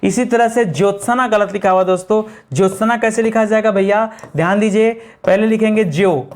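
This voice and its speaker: A man teaching Hindi spelling in an online exam-prep lecture, asking the class questions and answering them himself, slowing down to spell words out letter by letter. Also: sits high, fairly even intonation. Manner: drills students with repeated questions and answers.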